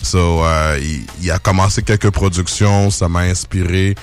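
Man in his forties, Québécois accent, deep voice, laid-back interview chat, faint music. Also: steady tone, normal speed, smooth. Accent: Québécois French. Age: 40s. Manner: laid-back, mixes in English slang. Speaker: rapper guest.

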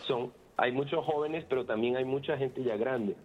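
A man's voice: mid-range voice, normal speed, phone-quality sound. A man who grew up in Costa Rica, a band member giving a casual radio interview, hesitant, with many restarts, moving between French and Spanish.

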